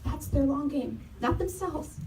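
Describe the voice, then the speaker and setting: A woman's voice: sits high, measured pace, dark tone. A woman in her thirties, a parent and educator, giving an earnest, impassioned public comment at a community forum, repeating her key phrases for emphasis. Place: community meeting room, roomy and echoey. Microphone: handheld microphone, held from some distance. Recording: echoey room, distant mic, faint noise.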